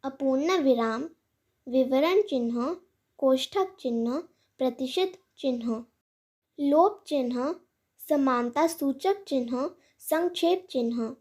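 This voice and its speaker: Slow, high-voiced woman teaching grammar. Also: a little mellow. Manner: measured, clearly paced recitation of rules and examples. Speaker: channel host teaching Hindi grammar. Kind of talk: slow scripted grammar lesson for children.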